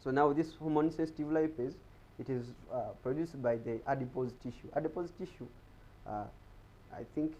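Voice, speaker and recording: A man's voice: mid-range voice, moderate pace, warm tone, muffled recording, slight background noise. A man giving an explanatory talk on health in a TV studio, often repeating words as he searches for them. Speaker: guest speaker on health.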